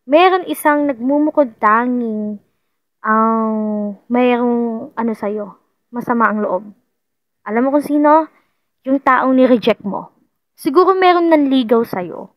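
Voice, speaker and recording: A woman's voice: on the high side, no room sound, lo-fi sound. Chatty woman reading tarot. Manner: chatty, playful, repeats herself, laughs often. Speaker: tarot card reader. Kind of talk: casual tarot reading to viewers.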